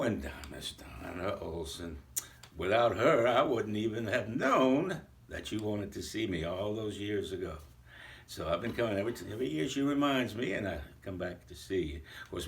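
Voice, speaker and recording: A man with a lowish voice and some vocal fry plays a jolly old Santa Claus in a recorded video message. He chats playfully and rambles a little as he greets a whole school of children.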